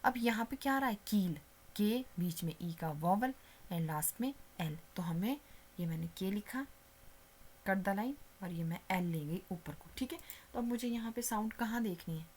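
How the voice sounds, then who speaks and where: A woman's voice: mid-range voice, animated, moderate pace, darkish tone, breathy edge. A woman shorthand teacher, explaining a lesson step by step, often checking that viewers follow and dropping to near-whispers while writing. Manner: patient, repeats steps with frequent check-ins; mixes English terms into Hindi explanation.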